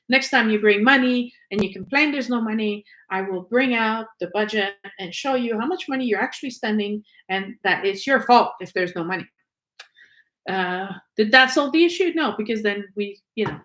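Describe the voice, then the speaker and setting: On a low-quality recording, a woman with French as her first language hosts a podcast and tells personal stories with candor, often pausing on fillers and restarting. Her voice is fairly high and fairly bright.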